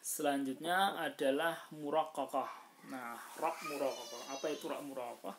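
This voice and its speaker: A woman teaching Quran recitation rules, explaining slowly with many fillers and drawn-out recited examples. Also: extremely low pitch, fairly even intonation, noisy background. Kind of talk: informal tajwid lesson. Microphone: phone screen recording.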